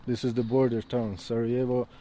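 A man explaining things casually as a local guide, a little haltingly, repeating words. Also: medium pitch, flat delivery, dark tone, low-quality recording. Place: outdoors in a town street. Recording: faint outdoor street and traffic noise.

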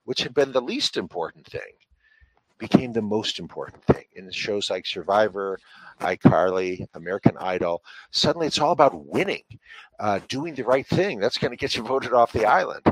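A man's voice: on the low side, lively intonation, normal speed, fairly bright tone, slightly rough, no room sound, rough recording. A man who writes and speaks about parenting, answering interview questions in an earnest, instructive way with frequent fillers. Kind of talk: interview answers giving advice.

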